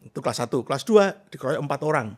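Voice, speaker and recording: A man's voice: mid-range voice, racing. A middle-aged man, a coach who is a guest in an interview, telling personal stories expressively and listing points with emphasis. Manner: animated, expressive storyteller, emphatic lists. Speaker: guest, self transformation coach. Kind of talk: conversational interview, personal storytelling.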